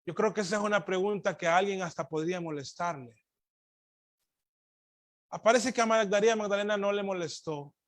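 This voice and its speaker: A man preaching a sermon, calling his listeners brothers and asking rhetorical questions, moving from loud emphatic lines to quiet murmured asides. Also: high voice, brisk, pauses often, no echo. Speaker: pastor.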